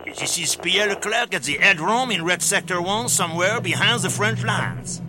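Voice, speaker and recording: A man's voice: sits high, normal speed, noisy background, natural voice. A man voicing a correspondent at a wartime aerodrome, announcing an urgent bulletin with solemn emphasis. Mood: grave. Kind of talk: mock radio news report. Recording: loud music under the voice.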